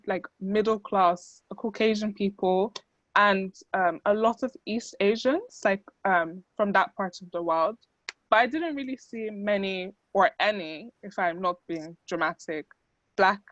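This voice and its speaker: A young woman who grew up in the Netherlands and speaks Dutch natively gives a chatty student talk to an audience, with lots of fillers. She has a mid-range voice, and the recording has no room sound and cut-off highs.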